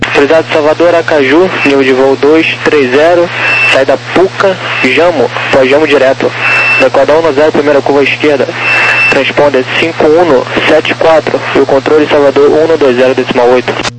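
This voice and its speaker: A man's voice: on the high side, steady tone, fairly quick. A Brazilian man working as a tower controller, giving clipped procedural air traffic control instructions over the radio. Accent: Brazilian Portuguese. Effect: aviation radio. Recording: noisy, humming aviation radio recording.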